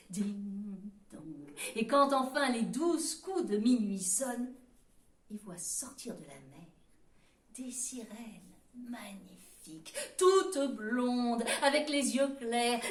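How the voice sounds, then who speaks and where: A woman's voice: fairly high pitch, far from the mic. Playful woman telling a children's tale. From France. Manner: lively, playful, with sung refrains and sound effects. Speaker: storyteller. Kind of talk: storytelling for children. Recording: roomy sound from away from the mic.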